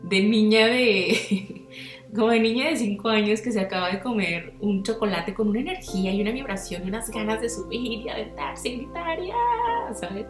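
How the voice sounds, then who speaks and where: A young Mexican woman hosts a podcast, recounting a personal story in casual slang and acting out what people said with big swings in her voice. She's animated, with a voice on the high side and a normal speaking speed. The sound is roomy, with music underneath.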